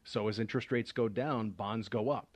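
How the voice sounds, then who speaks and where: A man's voice: fairly low pitch, fairly even intonation, normal speed, no room sound. A man, a financial advisor hosting a radio show, explains investing in a conversational way, with many fillers and restarts. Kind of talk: casual explanatory radio talk.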